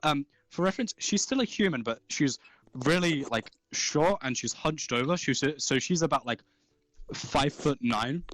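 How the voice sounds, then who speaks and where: A man improvising tabletop game narration as game master, in an informal, halting, descriptive way. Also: fairly high pitch, lively intonation, fairly bright tone, dry recording, rough recording. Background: faint music.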